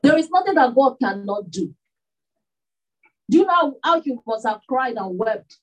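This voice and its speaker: A woman's voice: high-pitched, animated, normal speed, distant mic, low-quality recording. A woman preaching a sermon, full of rhetorical questions and repeated phrases.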